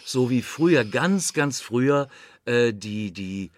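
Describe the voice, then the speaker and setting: A man's voice: mid-range voice, slow, dry recording, studio quality. An older man, a former news anchor and actor, telling anecdotes as a podcast guest, acting out the voices he quotes and often adding "ne?". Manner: animated, acts out quoted voices, frequent "ne?". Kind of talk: casual anecdotal storytelling. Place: podcast studio.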